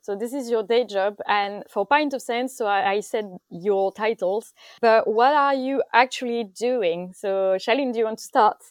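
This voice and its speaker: A woman hosting a science podcast, chatty and quick to laugh, with loose restarts as she introduces her guests. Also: fairly high pitch, no echo. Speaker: podcast host. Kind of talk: casual interview.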